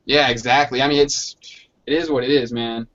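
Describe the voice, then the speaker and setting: This man's medium-pitched, slightly bright voice moves fairly quickly with fairly even intonation. He's chatting casually and swearing freely in slang over an online video hangout whose audio is dull and lo-fi.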